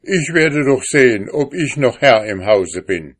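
A man's voice: mid-range voice, very animated, measured pace, pitched above the performer's own voice. A man doing a stubborn, pompous husband. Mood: heated. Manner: insistent, boastful, growing heated.

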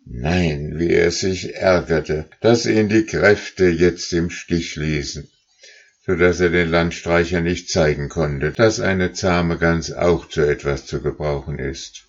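Deep-voiced man reading a storybook aloud, slow and husky, slightly muffled recording. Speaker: narrator. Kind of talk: audiobook reading.

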